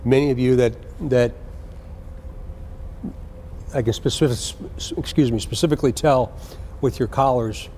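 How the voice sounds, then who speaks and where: Mellow, earnest man addressing recruits. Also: mid-range voice, fairly even intonation, slight background noise. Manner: earnest, measured, deliberate with repeated phrases. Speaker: senior police official.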